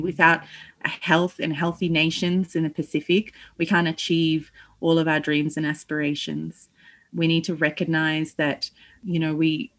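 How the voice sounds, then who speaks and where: A woman's voice: low voice, fairly bright tone. Earnest woman guest. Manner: earnest, halting, searching for words. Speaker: podcast guest. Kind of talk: reflective interview talk.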